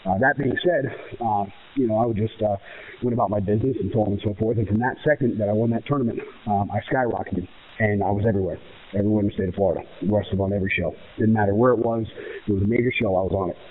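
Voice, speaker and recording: Fast-talking American man, phone-like sound. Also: lowish voice. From United States. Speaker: professional wrestler being interviewed. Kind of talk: spoken interview answers. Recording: muffled, narrow phone-like radio sound.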